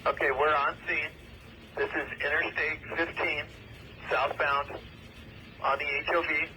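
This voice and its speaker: A firefighter on an emergency two-way radio, giving steady, clipped scene reports with short pauses. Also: male voice, fairly high pitch, slight background noise, poor audio. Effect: two-way emergency radio transmission. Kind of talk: terse radio dispatch report.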